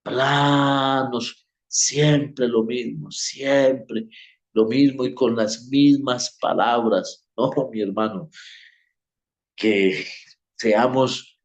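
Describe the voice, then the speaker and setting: Man teaching a church class, slow and chatty, lots of "eh" pauses, echoey room. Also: mid-range voice, steady tone, darkish tone. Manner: slow, conversational, many filler pauses. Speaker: homiletics teacher.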